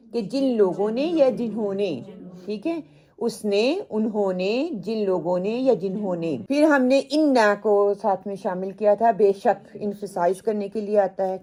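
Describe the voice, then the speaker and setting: A woman teaching a Quran translation lesson, mixing in English words, opening with prayers and repeating word lists slowly for her students. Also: mid-range voice, dark tone. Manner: opens with prayers and blessings. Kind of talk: Urdu language lesson mixed with English.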